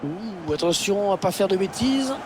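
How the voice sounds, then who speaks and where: A man giving excited play-by-play football commentary for a video game, breaking into shouted calls at big moments. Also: high-pitched, moderate pace, very noisy. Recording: loud stadium ambience behind voice.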